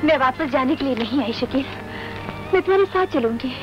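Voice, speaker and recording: A determined young woman in love in an old film, earnest and high-pitched. The dialogue track is dull and lo-fi, with music beneath it. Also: expressive. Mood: defiant.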